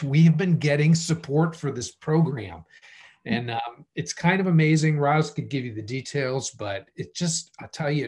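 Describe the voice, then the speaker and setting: A man hosting an online program, talking casually and thinking aloud with restarts, over a video call. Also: mid-range voice. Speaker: host of an online family-studies program. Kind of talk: casual webinar talk.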